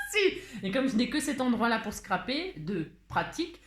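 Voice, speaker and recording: A woman's voice: a little high, very animated, moderate pace, echoey room. A woman from Burgundy with a Burgundian French accent, chatting through a craft tutorial in a rambling way and often laughing at herself. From Burgundy, France. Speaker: craft vlogger. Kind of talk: casual chat and craft tutorial. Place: indoor room away from home.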